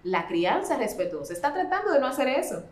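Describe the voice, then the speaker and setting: A woman speaking as a parenting expert guest, explaining in a conversational way and acting out gentle talks with a child. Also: sits high, very animated, fairly quick. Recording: roomy echo.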